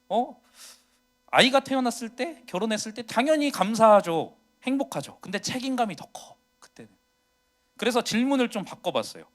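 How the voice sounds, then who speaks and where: A man in his thirties, a pastor preaching a confessional sermon, swinging from loud to hushed. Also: high-pitched.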